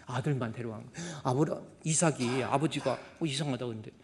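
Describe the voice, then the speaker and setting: Older man, pastor, sermon, mid-pitched voice, storytelling, acts out quotes, long church reverb. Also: a little fast, a little hiss or hum. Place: church sanctuary.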